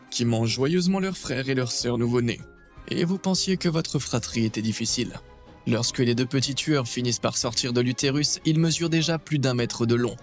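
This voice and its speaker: A man reading scripted nature documentary narration, with a wry and playful manner. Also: medium pitch.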